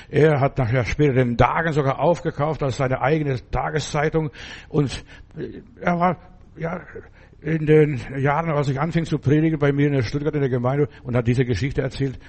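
A man's voice: on the high side, darkish tone. An older man, a pastor, preaching a sermon emphatically and addressing his congregation directly.

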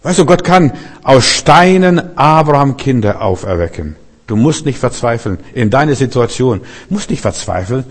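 A man preaching a sermon in an animated way, acting out biblical figures and often addressing listeners directly. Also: medium pitch, normal speed, big-room sound. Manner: animated, acts out biblical figures, frequent "weißt du".

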